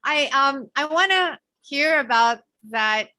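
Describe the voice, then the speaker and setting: Bright, eager woman interviewer; laughs often, dry close mic. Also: sits high, expressive, takes it slowly, no echo. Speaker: podcast host. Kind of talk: casual interview.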